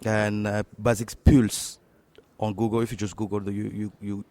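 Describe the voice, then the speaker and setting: A man from the DR Congo with a French-speaking Congolese accent, answering interview questions haltingly with many fillers. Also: fairly low pitch, little pitch movement, darkish tone. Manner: halting, frequent uh fillers and restarts. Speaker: startup co-founder guest.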